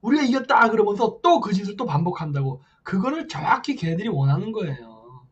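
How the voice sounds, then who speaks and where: A man's voice: sits high, big pitch swings, fairly quick, slightly rough, dull audio. A man hosting a late-night political stream, reading viewer comments and firing off rhetorical questions with a repeated "eh?" tag. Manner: reads viewer comments aloud. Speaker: live-stream host.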